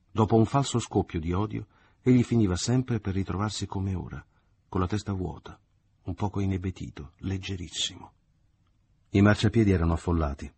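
Deep husky male audiobook narrator. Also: a little mellow. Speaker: audiobook reader. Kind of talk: literary narration.

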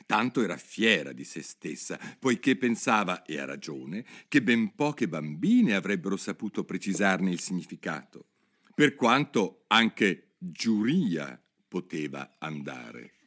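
A man narrating a storybook in a lowish voice that rises and falls a great deal. He reads in a measured, expressive way, with the care of a scripted audiobook.

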